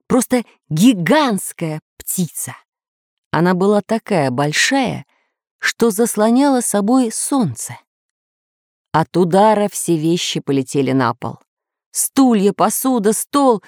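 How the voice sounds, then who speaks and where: A woman narrating a children's story aloud in a lively, expressive way. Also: mid-range voice, no room sound, studio quality. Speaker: audiobook narrator.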